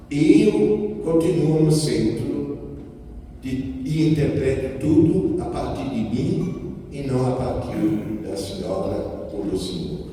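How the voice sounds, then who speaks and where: A man's voice: medium pitch, mellow, slight background noise. A priest giving a reflective homily, speaking directly to his congregation in a church. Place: church with a sacristy. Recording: echoey church from far off.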